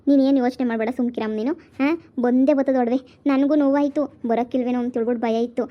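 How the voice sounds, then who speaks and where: A woman's voice: high voice, steady tone, fast, muffled recording, close to an everyday voice. A woman playing a grieving young married daughter, pleading and repetitive. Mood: upset. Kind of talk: village comedy skit acting.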